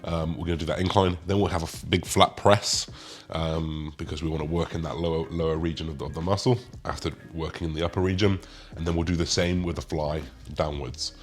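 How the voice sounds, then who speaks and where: A man's voice: rumbling low, level tone, fairly quick. A man with a slight lisp and slushy s sounds, hosting a video and explaining things casually to his viewers. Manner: lisp with slushy s sounds from new dental retainers. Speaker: host, men's physique bodybuilder.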